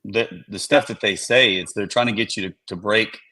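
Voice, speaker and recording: A male veteran telling boot camp memories in casual chat, an animated storyteller. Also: on the low side, moderate pace. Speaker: Marine veteran guest.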